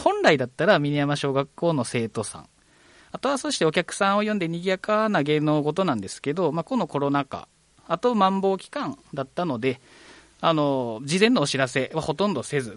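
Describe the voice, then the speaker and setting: A man's voice: a little high, big pitch swings, fairly quick, no room sound. A man hosting a live local radio talk show, polite and chatty with frequent fillers. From Kagoshima, Japan.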